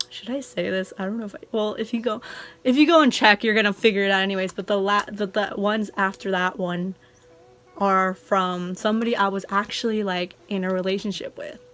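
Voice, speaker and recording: A woman's voice: mid-range voice, fairly even intonation, moderate pace, a bit bright, soft background music. A young adult woman vlogger in a casual, confessional chat, talking informally and rambling as she goes.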